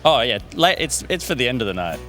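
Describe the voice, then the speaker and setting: A man's voice: medium pitch, big pitch swings, fast talker, fairly bright tone, soft background music. A man in a band, chatting loosely in an interview with many restarts. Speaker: band drummer, guest. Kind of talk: casual interview chat.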